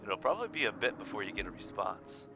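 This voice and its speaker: A man's voice: lowish voice, big pitch swings, fast talker, muffled recording, music in the background. A man hosting a video game playthrough, reading the game text aloud and joking with his viewers. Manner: goofy, jokey, talks to chat. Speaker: gaming channel host.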